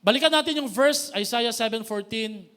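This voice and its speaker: Filipino pastor preaching, high bright voice, jokey and lively with the crowd. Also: male voice, normal speed. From Philippines. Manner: lively, joking, calls on the congregation. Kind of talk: sermon.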